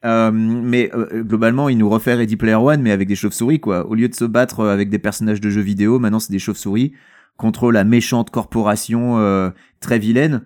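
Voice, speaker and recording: A man's voice: fairly low pitch, fairly even intonation, fairly quick, a little mellow. Man chatting loosely about a book. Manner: joking, rambling with fillers. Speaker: podcast co-host. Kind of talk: casual book discussion.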